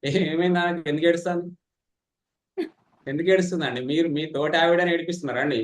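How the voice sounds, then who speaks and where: A man runs an online public speaking class. His voice sits a bit high and the words come quickly. He is animated and teases his students, and the room gives his voice a roomy echo. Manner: fast, animated, teasing participants. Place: online meeting.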